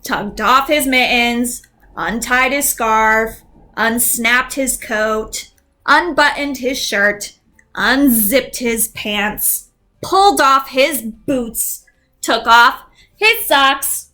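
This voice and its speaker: A young woman teacher reads a picture book aloud to young learners, slowly and expressively acting out the sound effects before asking simple questions. Her voice is fairly high-pitched.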